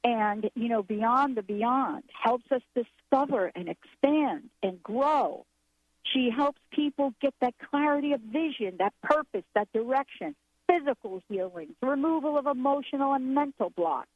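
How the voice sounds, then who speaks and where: A woman's voice: high voice, lively intonation, unhurried, no room sound. A woman hosting a spiritual talk radio show, speaking casually and rambling a little as she hunts for her words. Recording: slightly dull lo-fi radio sound.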